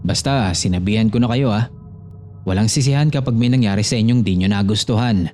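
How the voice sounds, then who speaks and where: A man voicing a night security guard who gives a slow, stern warning in a horror story reading. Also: fairly low pitch, a little mellow, faint music behind, natural voice.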